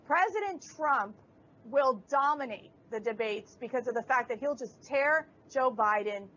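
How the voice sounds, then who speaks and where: A woman commenting as a guest on a political talk show, in an energetic, mocking way. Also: high voice, unhurried. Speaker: panel guest. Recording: dull lo-fi stream audio.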